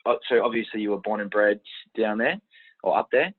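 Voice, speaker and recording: A man's voice: fairly low pitch, brisk, breathy edge. A man hosting an interview, asking casual questions and reacting with upbeat remarks like "beautiful" and "awesome". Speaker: podcast host. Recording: tinny phone-like line.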